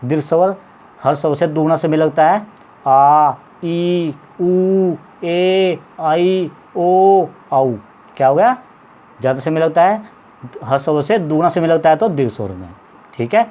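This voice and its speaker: A man's voice: on the high side, expressive. A man teaching a lesson to students, stretching out vowel sounds as examples, repeating a check-in phrase, and coughing now and then. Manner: drawn-out vowel demonstrations, repeats "ठीक है". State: occasional coughing. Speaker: Hindi teacher. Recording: slightly dull lo-fi audio with faint background noise.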